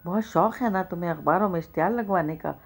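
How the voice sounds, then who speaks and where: A woman's voice: lowish voice, vocal fry, husky. A woman reading the part of a scheming, grieving older rich widow who gives curt commands. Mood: vengeful.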